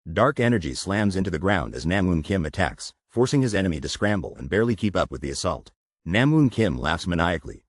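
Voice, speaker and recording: A man with a low voice narrates a comic recap as a scripted voice-over, cracking jokes and tossing in playful asides. The sound is studio quality with no echo.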